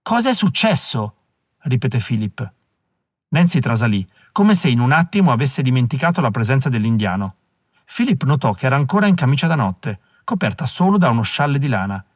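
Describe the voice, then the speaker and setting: A man reading an audiobook in a measured, even scripted narration, recorded on a close mic. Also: mid-range voice, slightly rough, no echo.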